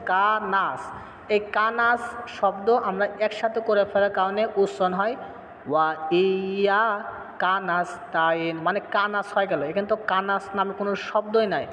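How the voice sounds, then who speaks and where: A man teaching correct pronunciation of a recitation, explaining quickly and then drawing syllables out slowly. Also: high voice, steady tone, bright, forceful tone, big-room sound, slight background noise. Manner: explains at speed, then stretches syllables slowly and chants them. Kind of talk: tutorial on pronunciation.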